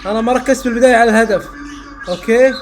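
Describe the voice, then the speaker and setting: A young man reacting live to a football match, exclaiming and repeating phrases, shouting at goals. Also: very high-pitched, steady tone, racing, background noise. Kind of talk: excited live reaction commentary.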